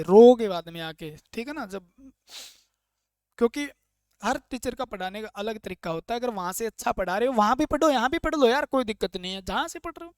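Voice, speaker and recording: A man from India teaching an online exam-prep class, firing questions at his students and answering them himself. His voice is smooth and clear. The sound is close and dry, with no room echo. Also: high-pitched. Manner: drilling, asks questions and answers them himself, repeats points; earnest, coaxing tone with students. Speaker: trade theory teacher.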